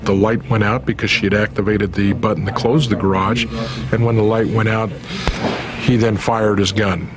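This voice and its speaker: A man's voice: on the low side, little pitch movement, normal speed, low-quality recording. A man speaking as a police detective, recounting cases matter-of-factly in a documentary interview. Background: music.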